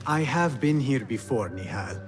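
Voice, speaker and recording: An actor playing a sceptical, level-headed young assassin with a dry, understated manner in video game dialogue. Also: male voice, medium pitch, animated, moderate pace, soft background music, close to an everyday voice.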